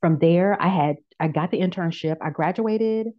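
A woman in her thirties, a podcast guest telling her career story in a casual chat, lively and acting out the voices of people she quotes. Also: on the low side, moderate pace. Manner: animated storyteller who acts out quoted voices. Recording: dull lo-fi audio.

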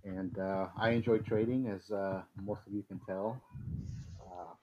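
A man's voice: low-pitched, steady tone, measured pace, a little mellow. A man from Mexico, a guest on a podcast, chatting casually and rambling with many fillers and restarts. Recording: slightly dull lo-fi sound with faint noise.

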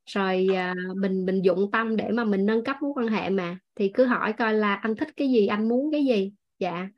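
A woman's voice: on the high side, highs cut off. Chatty Southern Vietnamese woman instructor. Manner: chatty, laughs often, addresses listeners as family. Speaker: course instructor. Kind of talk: online class lecture with storytelling.

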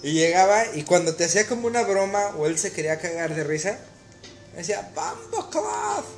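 A man's voice: sits high, fast talker. A Mexican man who is a cook co-hosting a casual podcast, telling slangy anecdotes and imitating the people he quotes. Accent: Mexican Spanish. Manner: anecdotal, slangy, mimics other voices. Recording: echoey room with music underneath.

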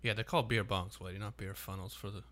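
A man's voice: on the low side, steady tone, quick pace, fairly bright tone. A man in his late twenties co-hosting a podcast, enthusiastic and upbeat. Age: late 20s. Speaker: podcast co-host. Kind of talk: casual podcast chat.

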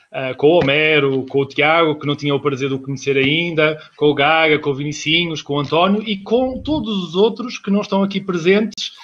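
A man with a European Portuguese accent, speaking as a guest commentator in a casual online talk show, measured and discursive, heard through low quality internet stream audio over a video call. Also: a bit bright. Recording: dull lo-fi streamed audio with faint noise.

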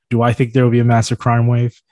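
A man's voice: medium pitch, darkish tone, dry recording. Playful man co-hosting a podcast. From New York City area. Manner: playful, riffing. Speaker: podcast co-host. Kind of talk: casual chat.

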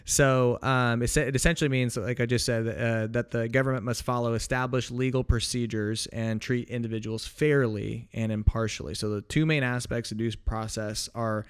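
A man's voice: medium pitch, steady tone, normal speed, few pauses, smooth. A man co-hosting a podcast, explaining legal ideas in a loose, rambling casual chat with restarts and jokey asides. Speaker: podcast co-host.

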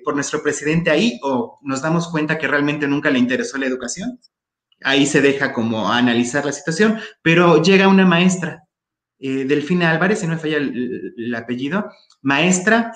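An education guest with a Mexican Spanish accent argues his views emphatically in an interview, circling back to key phrases. The man's voice is fairly high and a bit bright, and the sound is reverberant.

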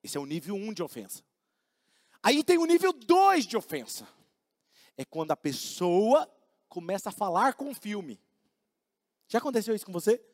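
A man's voice: sits high, big pitch swings, moderate pace, long pauses, big-room sound. A man preaching a conversational sermon, joking and acting out little everyday dialogues for his congregation. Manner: humorous, acts out little dialogues.

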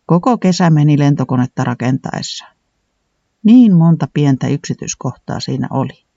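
A man narrating a children's storybook in an animated, sing-song reading style. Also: fairly high pitch, vocal fry, no room sound, dull audio.

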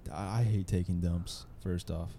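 A man's voice: low voice, fairly even intonation, normal speed, warm tone, a little hiss or hum. A young man co-hosting a podcast in casual, crude, argumentative chat. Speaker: podcast co-host.

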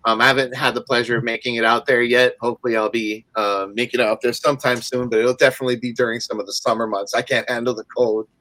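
A man's voice: mid-range voice, little pitch movement, fast, hardly any pauses, bright, forceful tone, poor audio. A man from the Pacific Northwest and Hawaii, a company founder chatting casually as a guest, laid-back and rambling with many fillers. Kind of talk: casual podcast interview.

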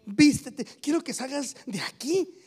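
A man with a Mexican accent preaching a sermon as pastor, joking and animated, with sudden loud exhortations to his church. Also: very high voice, measured pace, breathy edge.

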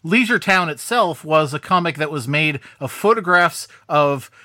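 A man co-hosting a podcast, chatting casually and telling stories in an animated, joking way. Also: on the high side, normal speed, no echo, clean studio sound. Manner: animated, jokey storyteller. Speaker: podcast co-host. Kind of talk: casual chat.

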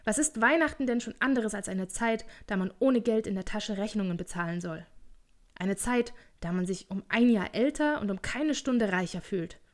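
A woman voicing a grumpy, miserly old man in a storybook reading, with gruff, scornful, slow speech. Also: medium pitch, lively intonation, close to an everyday voice.

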